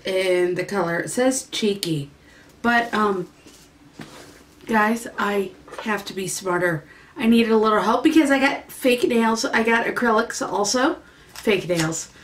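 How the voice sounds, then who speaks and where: A woman's voice: mid-range voice, measured pace, a little hiss or hum. A woman beauty vlogger casually chatting through a makeup unboxing, rambling and easily delighted, sometimes in a sing-song voice.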